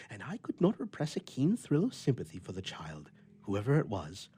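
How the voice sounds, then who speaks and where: A man with a medium-pitched, husky voice plays a grumpy, flustered bachelor with a soft heart. He tells the tale in old-fashioned storybook prose, blustering theatrically and stammering.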